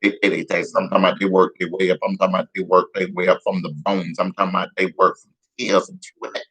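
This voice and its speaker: Deep-voiced man ranting, hoarse. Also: level tone, fast, fairly bright tone, rough recording. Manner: profane, heated, repetitive, laughs at own jokes. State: a little hoarse. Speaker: vlogger giving street-style news commentary. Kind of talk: casual ranting commentary.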